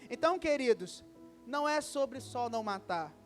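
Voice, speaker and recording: A Brazilian pastor preaching with an unusually high voice for a man. He talks in a lively, casual way and keeps slipping into quick little acted exchanges. Soft music plays faintly behind him. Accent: Brazilian Portuguese. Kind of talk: sermon. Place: church service.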